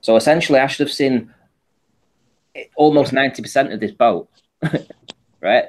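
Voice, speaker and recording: A man on a panel presents a photo analysis in a mid-range voice at moderate speed. His talk is informal, moving through shared images step by step while he checks that listeners follow.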